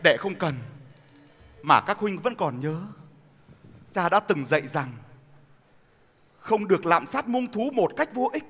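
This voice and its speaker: A man playing a dutiful, gentle young prince who is the youngest son, speaking earnestly in Vietnamese chèo stage style. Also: high voice, very animated, husky, exaggerated voice. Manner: earnest, measured stage speech. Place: theatre stage. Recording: reverberant theatre hall.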